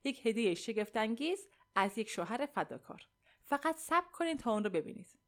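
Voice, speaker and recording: A glib, boastful architect, voiced by a woman reading a story. He is a pushy man of action, selling with smooth, self-assured patter and barely shifting from the reader's own voice. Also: fairly high pitch, very animated, fairly bright tone. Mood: confident, selling.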